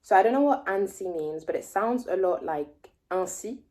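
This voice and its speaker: With an expressive, warm, mid-range voice, a native French speaker in her twenties reads a text aloud slowly and explains it for her language-learner vlog. She thinks aloud and guesses at any words she doesn't know.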